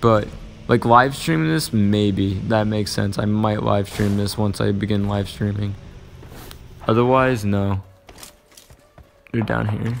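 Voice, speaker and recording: A young man casually commentating his own mobile game, muttering to himself with sudden excited yelps and growing frustration. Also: lowish voice, slow pace, creaky, pauses often, slight background noise. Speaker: gaming channel host.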